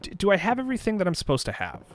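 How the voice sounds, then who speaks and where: Lively-voiced man playing a horror game. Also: sits high, racing, no echo. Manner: chatty, self-deprecating, thinks aloud while playing. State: hiccuping and sneezing. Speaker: game streamer. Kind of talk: casual let's-play chat.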